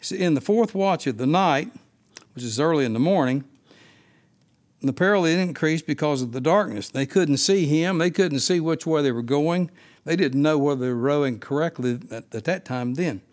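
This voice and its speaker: Man, Bible study teacher, sermon style, off the cuff, rhetorical questions, higher voice. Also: moderate pace. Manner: unscripted, with restarts and rhetorical questions.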